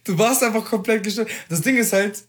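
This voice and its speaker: Young dude, slangy, kinda high voice, just chatting. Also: male voice, a little fast, background noise. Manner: slangy, reacting with short interjections. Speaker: listener in casual chat. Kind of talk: casual chat.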